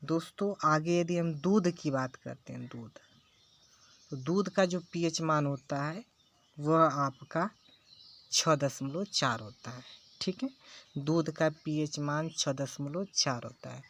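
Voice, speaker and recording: A man's voice: fairly high pitch, slow, a bit bright. A man teaching a lesson, who repeats key phrases and keeps checking in with his listeners. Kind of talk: slow classroom lecture.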